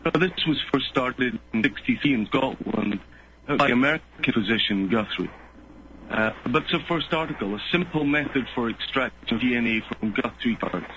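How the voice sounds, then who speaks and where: A male caller on a clipped phone line, talking haltingly with many fillers and restarts. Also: mid-range voice, lively intonation, a bit bright. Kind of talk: call-in radio talk. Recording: muffled phone line with faint noise.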